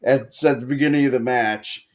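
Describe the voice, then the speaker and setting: A man's voice: mid-range voice, brisk. A man co-hosting a casual wrestling podcast, retelling matches with lots of fillers and restarts. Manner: animated storytelling with frequent fillers and restarts. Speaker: podcast co-host.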